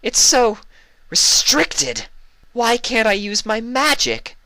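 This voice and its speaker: A man's voice: very high-pitched, sing-song, slow pace, bright, forceful tone, no echo, voice pushed up, heavily acted. A man voicing a young pony princess who is petulant, proud and easily flustered, in a whiny, indignant manner for a story reading. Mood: exasperated, indignant.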